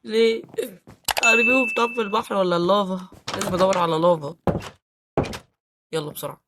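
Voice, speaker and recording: A man's voice: high-pitched, fairly even intonation, quick pace, very noisy. A young man with an Egyptian accent giving casual commentary over gameplay, wailing in mock despair. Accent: Egyptian Arabic. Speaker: gaming YouTuber.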